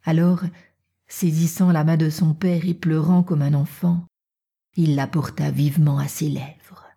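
Soft, breathy woman narrator. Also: low voice. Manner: soft, often half-whispered reading. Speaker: audiobook narrator. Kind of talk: scripted narration.

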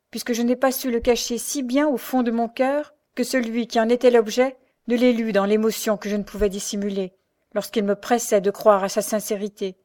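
A woman's voice: a little high, dark tone, lightly acted. A woman reading the part of an anguished, devoted young woman in an audiobook, impassioned and pleading.

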